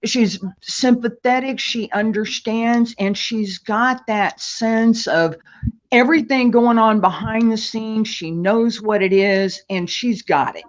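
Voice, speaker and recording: A woman, a guest author and martial arts teacher, chatting in an interview in a slow, measured way and laughing easily. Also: on the high side. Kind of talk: casual interview chat. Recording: dull lo-fi sound.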